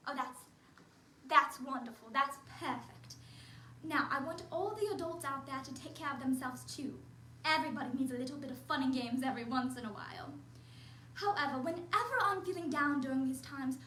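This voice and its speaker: Here a costumed children's performer plays a prim but cheerful young nanny, coaxing offscreen kids along in a sing-song voice. She pitches high with a sharp edge. A faint hiss or hum sits under the roomy, far-off recording.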